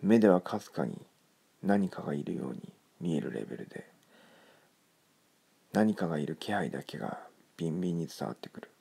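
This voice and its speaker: Male narrator, low pitch, breathy and husky, gravelly, hushed creepy ghost-story reading, near-whisper. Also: expressive, brisk, pauses often.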